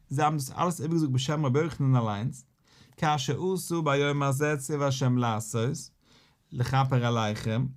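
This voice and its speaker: A man with a Yiddish accent giving a Talmud lesson as a rabbi, in a rising and falling study cadence. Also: fairly high pitch. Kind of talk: Talmud lecture.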